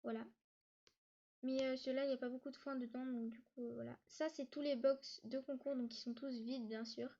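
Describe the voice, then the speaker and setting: A woman's voice: high voice, steady tone, mellow. Hesitant woman with a muffled lo-fi mic. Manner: hesitant, many fillers and restarts; talks fast, says she struggles to catch her breath. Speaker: YouTuber giving a tour of her game map. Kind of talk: casual gameplay tour narration.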